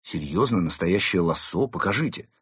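A man voicing a brash, cheerful masked animal burglar who mocks and shouts gleefully. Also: low voice, animated, normal speed, slightly rough, no room sound, clean studio sound, heavily acted. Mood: mocking. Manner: loud, mocking, gleeful shouting.

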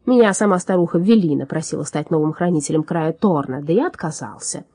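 A woman voicing a grumpy, boastful old male hunchback alchemist in an audiobook, loudly bragging and scornful. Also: deep voice, expressive, a little fast, slightly rough, dry recording, studio quality, full character voice. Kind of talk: audiobook character voice.

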